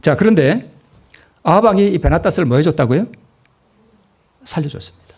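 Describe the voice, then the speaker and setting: A man's voice: a little high, animated, fast talker, darkish tone. A male pastor preaching a sermon, asking the congregation questions and answering them himself, and repeating key phrases for emphasis.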